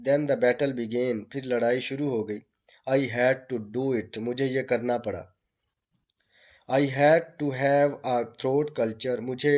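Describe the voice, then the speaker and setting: Slow, careful man teaching a lesson. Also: medium pitch, darkish tone. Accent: Pakistani. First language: Urdu. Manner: reads English slowly, then explains in Urdu. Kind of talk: line-by-line lesson translation. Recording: dull lo-fi sound.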